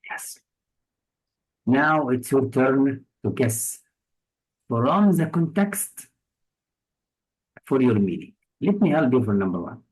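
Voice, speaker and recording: A man's voice: medium pitch, sing-song, takes it slowly, long pauses, darkish tone, low-quality recording. A man teaching English vocabulary for test prep with an Egyptian accent, patiently explaining each word through examples and synonyms.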